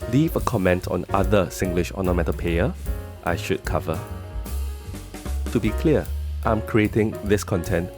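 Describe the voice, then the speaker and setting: A man with a Singaporean accent hosting a scripted explainer in a wry, articulate, measured way. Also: low-pitched. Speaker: host and presenter. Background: music under the voice.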